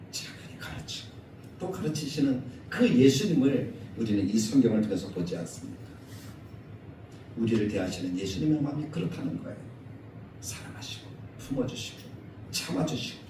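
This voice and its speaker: A male pastor delivering a Sunday sermon in a church, animated, acting out quoted scolding in a raised voice. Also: medium pitch, noisy background. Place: church sanctuary. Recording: echoey church hall, mic at a distance.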